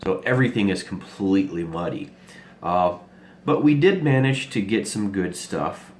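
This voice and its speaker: Vlogging his metal detecting finds, a man digs outdoors in a muddy field, chatting casually and reasoning aloud. His voice sits low with lively intonation at a moderate pace, over a little hiss or hum.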